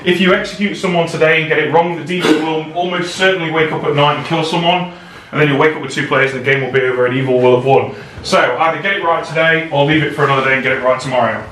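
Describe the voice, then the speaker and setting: A man steers a big tabletop game, calmly counting votes and laying out the rules. His voice sits a bit high. It comes from a distant mic in a very echoey room with a faint hiss behind it. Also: fast. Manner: calm, announcing and counting votes. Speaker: game storyteller running the game. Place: large echoing room with a group of players. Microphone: far camera microphone.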